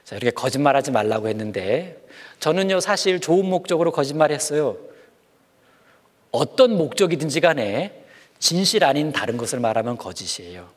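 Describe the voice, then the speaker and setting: A man giving a children's sermon, speaking in an animated way and asking the kids questions as he goes. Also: fairly high pitch, a little fast. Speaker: children's preacher.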